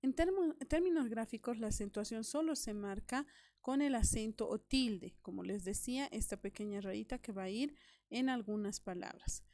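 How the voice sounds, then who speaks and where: Patient woman teacher with a gravelly voice. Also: a little high, normal speed, mellow. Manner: patient, explanatory, repeats key points and checks understanding. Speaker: primary school teacher. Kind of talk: recorded online grammar lesson.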